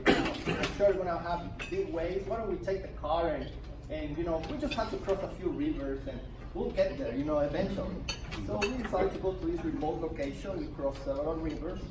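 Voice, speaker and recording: A man from El Salvador tells an animated story to a meeting group, laughing and stumbling over restarts as he goes. He sounds far from the microphone in a roomy, echoing space. Steady background noise runs beneath his voice. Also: on the high side. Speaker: presenter at a business networking meeting. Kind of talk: storytelling presentation. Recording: echoey room, mic from far off, noisy.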